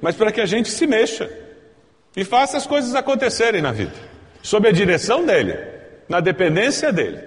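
A man's voice: high-pitched, huge pitch swings, fairly quick, long reverb tail. A Brazilian man preaching a sermon as pastor, building to emphatic peaks and asking the congregation rhetorical questions. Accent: Brazilian Portuguese.

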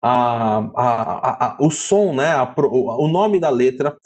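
A man's voice: mid-range voice, animated, slow pace, darkish tone, highs cut off. A man teaching Greek in an online class, patiently saying each letter name three times and often checking in with his students.

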